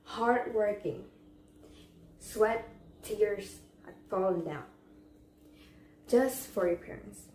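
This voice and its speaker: A young woman delivers a memorized contest speech in a deliberate, theatrical way, with pauses and rhetorical questions. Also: mid-range voice, a little mellow. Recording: echoey room with faint background noise.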